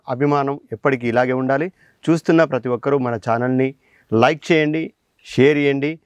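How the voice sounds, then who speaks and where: A man with a Telangana Telugu accent hosting a talent show and interviewing a guest, energetic and promotional. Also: mid-range voice, no room sound. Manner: energetic, promotional, frequent mm-hm backchannels. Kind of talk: casual interview.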